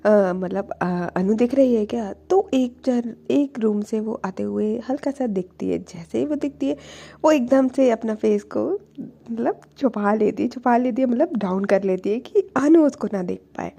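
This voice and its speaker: A young woman narrating a love story in a loose, chatty way, full of fillers and asides. Her voice is higher-pitched, mellow and warm. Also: expressive, a little slow, vocal fry, slightly rough. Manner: chatty, many fillers and English words. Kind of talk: casual spoken storytelling.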